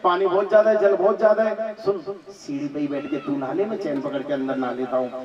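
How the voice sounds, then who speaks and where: A man's voice: high-pitched, little pitch movement, fast talker, reverberant, long reverb tail, distant mic, lo-fi sound, a crowd in the background, lightly acted. A preacher voicing a weary, long-suffering husband who pleads with and warns his contrary wife. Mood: coaxing. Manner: pleading, warning.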